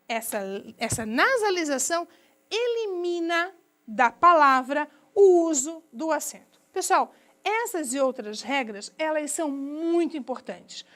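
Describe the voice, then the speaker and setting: A woman's voice: high-pitched, a bit bright. A middle-aged woman with a Brazilian Portuguese accent giving a recorded university grammar lecture, asking questions and answering them herself. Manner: didactic, asks and answers her own questions. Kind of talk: recorded distance-learning lecture.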